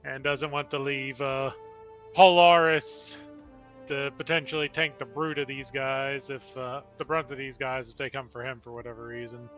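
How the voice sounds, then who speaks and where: A man's voice: medium pitch, flat delivery, normal speed, fairly bright tone, soft background music. A man playing a tabletop game in casual chat, laid-back and laughing often. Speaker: player.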